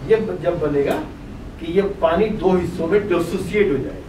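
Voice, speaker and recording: A slightly high-pitched man speaks at a moderate pace: an older professor with a Pakistani Urdu accent, masked, writing on a whiteboard as he lectures on boiler chemistry. He poses questions to his class and answers them himself. The distant room mic picks him up from far off in an echoey, noisy brick-walled meeting room.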